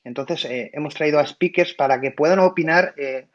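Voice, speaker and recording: A man's voice: fairly high pitch, moderate pace. A man from Spain hosting an online audio room, explaining at length with many fillers and restarts. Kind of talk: casual explanatory talk. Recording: muffled audio-app sound.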